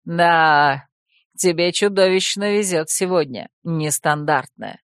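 A woman's voice: lowish voice, animated, dry recording, studio quality. Woman doing a gloating werewolf bully. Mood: mocking. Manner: mocking, drawn-out, gloating. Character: gloating young male werewolf bully, predatory. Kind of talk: audiobook character voice.

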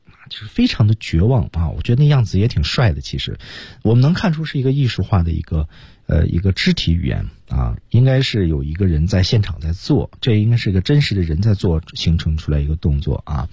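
Male radio lesson host, husky and low, chatty with fillers, dry studio mic. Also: very animated, fast talker, warm tone, dry recording. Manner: chatty, lots of filler particles. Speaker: radio English teaching host. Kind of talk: casual radio lesson chat.

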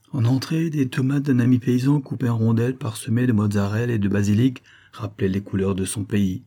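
A man narrating a crime novel in a calm, measured reading. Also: mid-range voice. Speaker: audiobook narrator.

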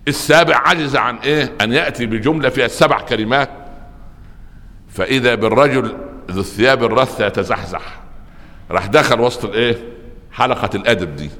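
Egyptian preacher telling stories in a big echoing hall. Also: male voice, medium pitch, fairly quick, long pauses. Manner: lively storyteller, keeps asking the audience rhetorical questions. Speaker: preacher teaching a religious lesson. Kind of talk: religious lecture to a live audience.

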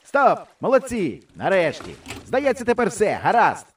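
A man voicing an excitable, fussy male film director who barks commands and turns whiny. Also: high voice, moderate pace, recorded from a distance, a little hiss or hum, voice pushed up. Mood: commanding. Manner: shouting commands, turning whiny.

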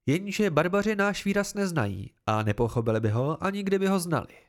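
A man's voice: high voice, big pitch swings. A man voicing a stern, confident woman who teaches swordcraft, blunt and instructive in an amateur audiobook reading.

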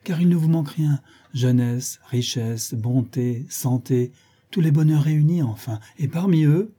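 A man voicing a smug estate steward who flatters his master in a fawning, self-satisfied tone. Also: mid-range voice, fairly quick, breathy edge. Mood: flattering. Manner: fawning, pleased with himself.

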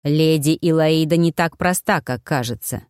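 A woman's voice: deep voice, normal speed, a little mellow, clear, resonant tone, dry recording, clean studio sound, natural voice. A woman voicing a scheming male nobleman impostor who speaks in curt, scolding tones.

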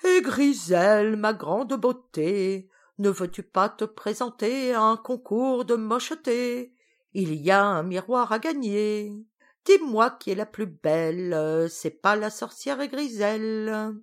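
A woman's voice: fairly low pitch, big pitch swings, moderate pace. A woman voicing an insolent, mocking magic mirror that taunts in sing-song. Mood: taunting.

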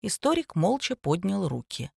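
A woman narrating an audiobook in an even storytelling manner. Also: mid-range voice, moderate pace, creaky, slightly rough, no echo, studio quality. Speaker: audiobook reader. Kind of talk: scripted narration.

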